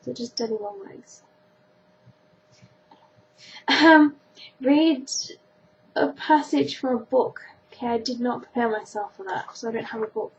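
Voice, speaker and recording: High-voiced Australian teenage girl, casual and chatty. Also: unhurried, long pauses. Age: teenager, sixteen. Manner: self-deprecating, chatty, informal. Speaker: vlogger answering a questionnaire. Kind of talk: casual chat to camera. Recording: dull lo-fi sound, faint background noise.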